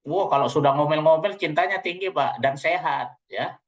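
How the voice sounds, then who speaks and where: A man's voice: on the high side, moderate pace. A man giving a playful seminar talk, teasing the audience and speaking to them directly, recorded on a dull lo-fi track. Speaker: seminar trainer. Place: seminar room.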